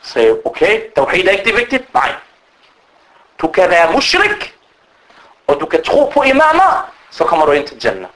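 A man with a high-pitched voice delivering a religious lecture. He tells stories in a lively way and keeps putting rhetorical questions to his listeners. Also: long pauses, rough recording. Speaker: preacher.

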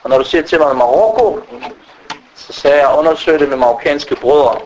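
Animated man preaching with acted-out quotes. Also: fairly high pitch, slight background noise, poor audio. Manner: animated, acts out quoted speech. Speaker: Islamic preacher. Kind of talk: informal religious talk with stories.

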